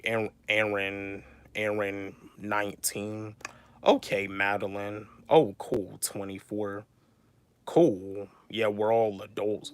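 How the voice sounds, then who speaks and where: A man's voice: fairly low pitch, smooth, no room sound. A man in his twenties, a YouTuber and rapper, chatting casually on a livestream, repeating his points and answering viewers by name. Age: 20s. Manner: repetitive, restates each point, calls out viewers by name.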